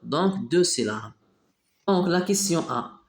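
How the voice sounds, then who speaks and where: Slow-talking male teacher. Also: on the high side, animated. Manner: slow, drawn-out repeating of words, switching into dialect Arabic for explanations. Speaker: primary school teacher. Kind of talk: reading-and-phonics lesson. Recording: echoey room.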